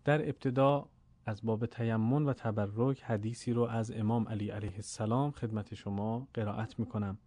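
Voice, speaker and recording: A man's voice: on the low side, fairly even intonation, mellow. Patient male Quran recitation teacher. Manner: patient, explains slowly and models sounds. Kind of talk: recorded lesson.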